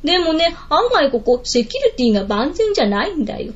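A woman's voice: sits high, sing-song, fairly quick, muffled recording, pitched above the performer's own voice. A woman voicing a chatty young companion who explains things in a folk tale. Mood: explaining. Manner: explaining, friendly.

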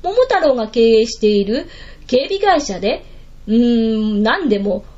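Friendly explainer in a storybook, lively delivery, played by a woman; lo-fi. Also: fairly high pitch, a little slow. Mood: explaining.

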